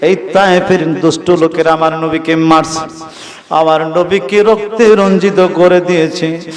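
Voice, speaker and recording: Chanting preacher with a high voice, long echo. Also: male voice, fairly even intonation, unhurried. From Bangladesh. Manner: sing-song chanting, calls on crowd to respond. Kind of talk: chanted Bangla waz sermon. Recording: reverberant hall sound.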